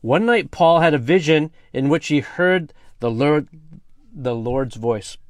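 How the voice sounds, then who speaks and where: A man's voice: on the high side, animated, takes it slowly, no room sound, studio quality. A man preaching a casual, earnest sermon as pastor, talking conversationally with everyday slang and reading scripture aloud.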